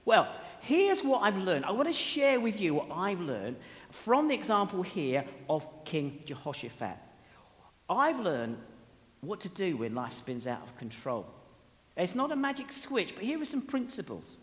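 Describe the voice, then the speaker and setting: An older woman with a British accent gives a sermon from the front of a church. Her pitch swings up and down a great deal as she tells stories with a joking, easygoing warmth. The sound carries a long echo from the large hall around her. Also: big pitch swings, a little slow. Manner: chatty, humorous, anecdotal. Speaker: preacher.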